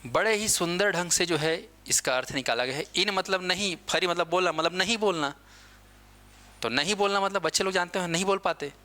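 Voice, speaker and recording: Bright-voiced male teacher quizzing his class. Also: high voice, brisk. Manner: asks questions and answers them himself, repeats key points; mixes English words into his speech. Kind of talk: classroom lecture.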